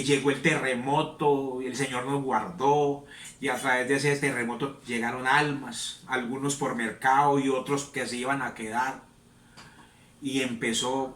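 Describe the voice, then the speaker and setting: A man's voice: medium pitch, a bit bright. A man, a pastor, telling his testimony in an earnest, rambling way. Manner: earnest, rambling storytelling with repetitions. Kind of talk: preaching testimony. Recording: echoey room, distant mic.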